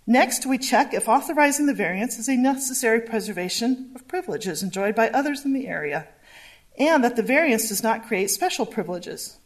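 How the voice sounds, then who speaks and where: A woman staff planner presenting a zoning variance report at a public hearing, measured and reading from slides. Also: fairly high pitch, animated.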